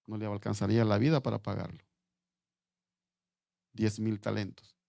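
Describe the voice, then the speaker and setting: Gravelly-voiced man preaching a sermon. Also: lowish voice, level tone, dark tone, no echo, studio quality. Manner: halting, repeats words while reading scripture aloud.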